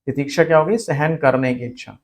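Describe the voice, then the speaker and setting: A man teaching a Hindi spelling lesson for exam students, repeating each word slowly so it sticks. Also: fairly high pitch.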